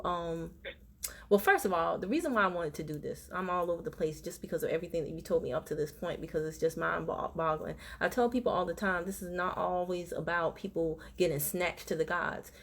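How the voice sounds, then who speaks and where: A woman with a low voice hosts a live video chat. She asks her guest questions in a casual, encouraging way. She talks in bursts and often restarts her sentences. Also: gravelly. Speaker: host of a live stream. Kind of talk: casual interview.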